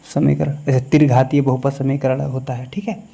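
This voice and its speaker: A man teaching a maths lecture in a classroom style, who keeps pausing to ask the class quick check questions. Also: mid-range voice, level tone, gravelly, warm tone.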